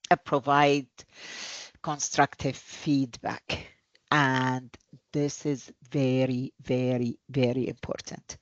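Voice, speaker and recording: A woman who teaches Arabic presents classroom tips in a webinar, telling stories earnestly with animated hesitations. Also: a bass voice, takes it slowly, no echo, lo-fi sound.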